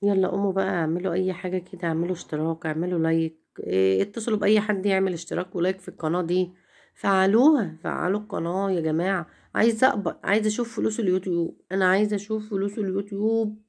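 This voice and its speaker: Fast-talking Egyptian woman, gravelly and low. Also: fairly even intonation, a little mellow. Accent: Egyptian Arabic. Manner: complaining, repeats herself, talks straight to viewers. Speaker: home vlogger. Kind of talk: chatty cleaning vlog.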